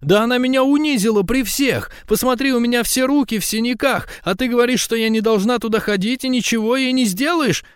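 A man voicing a shrill jealous young woman. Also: fairly quick, hardly any pauses, clear, resonant tone, no room sound, studio quality. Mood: furious. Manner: shrill, accusing, breaking into shouts. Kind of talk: audiobook dialogue.

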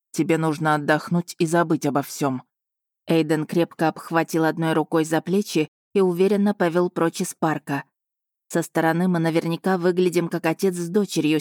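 A woman narrating an audiobook in the first person at an even, measured pace, close to the mic. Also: low-pitched, no room sound.

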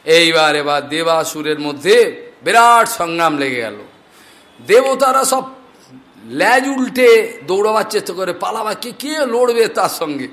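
A male preacher giving a scripture discourse, reciting Sanskrit mantras and telling animated stories. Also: sits high, measured pace.

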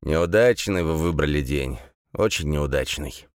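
A man's voice: rumbling low, a little slow, clear, resonant tone, no echo, clean studio sound. A man reading aloud, voicing a tired middle-aged gendarme who repeats himself mechanically and lectures. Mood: weary. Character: weary middle-aged male gendarme, repetitive and fussy.

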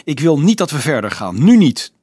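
A man voicing a shrill panicking boy, raised pitch, husky edge, dry storybook read. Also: very animated, normal speed, warm tone, no echo. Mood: panicked. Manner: wailing, high-strung.

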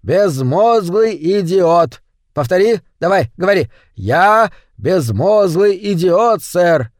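A man's voice: high-pitched, lively intonation, slow pace, dry recording, clean studio sound, pitched above the performer's own voice. Man playing a barking, sneering bully of a master. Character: cruel bullying short man, a rat's master.

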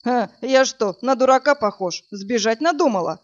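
A woman's voice: fairly high pitch, animated, moderate pace, dull audio, close to an everyday voice. A woman voicing a brutish, drunk male thug who snarls coarse threats, in a read-aloud crime story. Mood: suspicious. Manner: menacing, loud, snarling threats.

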